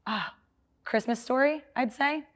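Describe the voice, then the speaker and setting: A woman's voice: sits high, unhurried. Bubbly young woman answering on the spot. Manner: bubbly, giggly, searches for words. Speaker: guest, apparel business owner. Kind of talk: casual interview answers.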